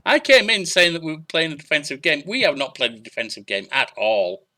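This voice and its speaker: Young guy narrating his football sim, bright punchy voice, short bursts, thinking out loud. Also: a little high, sing-song, fairly quick. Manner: chatty, narrating match play in short bursts, thinking aloud. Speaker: gaming YouTuber. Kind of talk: casual let's-play commentary.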